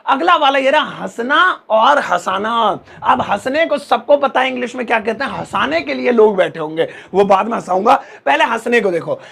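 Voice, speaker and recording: A man teaching English in a casual, playful way, drawing out his example phrases slowly. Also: very high voice, animated, vocal fry, a bit bright, slightly rough. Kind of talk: casual spoken lesson.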